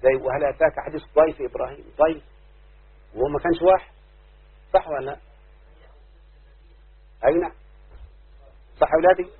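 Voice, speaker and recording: A man with an Egyptian accent teaching an Arabic grammar lesson, often checking whether his students have understood and slowly chanting verses. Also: a little high, husky. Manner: keeps asking students if they understood. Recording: muffled lo-fi phone-like lesson recording.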